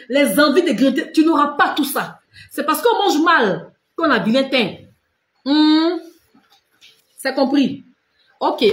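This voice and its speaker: A woman's voice: high-pitched, reverberant. A woman giving casual, insistent skincare and diet advice on a live stream, repeating herself and talking straight to her viewers. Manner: repetitive, direct, addresses viewers as tu and vous.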